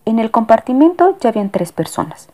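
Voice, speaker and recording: A woman narrating a children's story in a lively, expressive way. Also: a little high, fairly quick.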